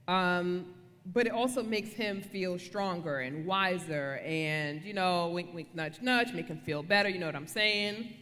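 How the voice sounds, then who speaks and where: A woman's voice: lowish voice, a bit bright. A woman giving a casual devotional talk on marriage as co-speaker, conversational and playful, often checking for agreement. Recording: reverberant room.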